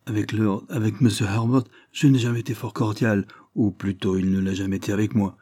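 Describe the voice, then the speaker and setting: Male reader doing a deferential lawyer, measured and low, in a dry read. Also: flat delivery, mellow, husky, no echo. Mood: reassuring. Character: deferential country lawyer, cautious and gossiping.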